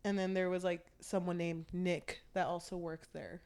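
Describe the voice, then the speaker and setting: Her voice sits on the low side, with a dark tone, a level delivery and normal speed. She co-hosts a book podcast, chatting casually about books, joking around and swearing freely with an irreverent attitude.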